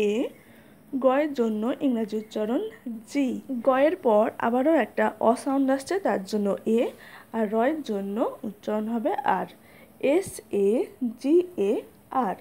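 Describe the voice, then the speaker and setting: Woman teacher, high, mellow voice, methodical letter-by-letter spelling lesson.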